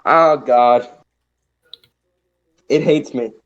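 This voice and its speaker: A man chatting casually as a player in an online tabletop game, swearing freely and exclaiming loudly. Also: mid-range voice, extremely slow, highs cut off.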